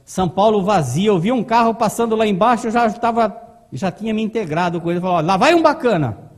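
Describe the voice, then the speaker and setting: A middle-aged man from Brazil telling a dramatic personal story at a lecture, in an animated way. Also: high-pitched, quick pace. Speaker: speaker at a spiritist lecture. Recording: long hall reverb.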